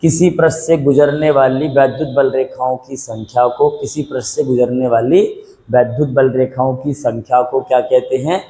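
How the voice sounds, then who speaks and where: A male physics teacher, giving a classroom lecture. He asks the same questions again and again and answers them himself, and he dictates slowly so students can take notes. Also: medium pitch, fairly even intonation, warm tone, low-quality recording. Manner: repetitive call-and-response questioning; patient, dictates slowly for note-taking.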